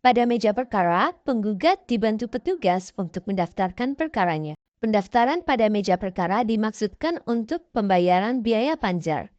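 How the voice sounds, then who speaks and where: A woman's voice: mid-range voice, animated, normal speed, darkish tone, no room sound. A woman narrating a scripted explainer in the manner of a presenter with casual asides. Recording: dull, dry voice-over.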